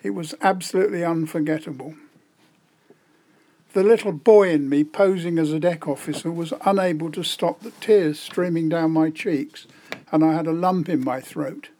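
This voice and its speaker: Older guy in his 70s, slightly high voice, dry self-mocking humor, reading out a memory. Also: moderate pace, mellow. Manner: wry, self-deprecating. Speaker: storyteller. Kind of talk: scripted personal reminiscence.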